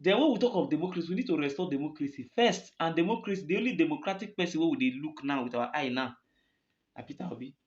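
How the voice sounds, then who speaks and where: Man, Nigerian accent, Nigerian Pidgin, rapid delivery, emphatic opinion rant, dull lo-fi recording. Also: a little high, lively intonation. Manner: emphatic, repeats phrases for stress. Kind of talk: impassioned political opinion monologue.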